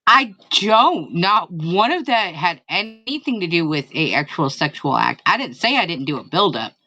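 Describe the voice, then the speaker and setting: A woman's voice: lowish voice, big pitch swings, normal speed, bright, forceful tone, lo-fi sound. A woman co-host teasing her partner in casual banter. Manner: teasing, drawling. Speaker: podcast co-host.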